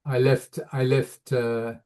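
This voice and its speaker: A man's voice: medium pitch, little pitch movement, takes it slowly, mellow. Male, middle-aged, faint South African accent, casual conversation. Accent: South African-tinged. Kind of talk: casual chat.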